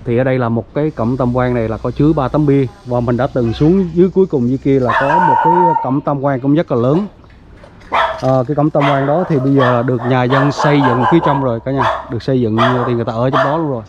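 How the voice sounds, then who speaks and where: In a dull, lo-fi outdoor recording with very heavy noise, a man vlogs around a family grave site from the cemetery gate. His medium-pitched voice moves fast, and he chats casually with many fillers, speaking directly to viewers as "everyone."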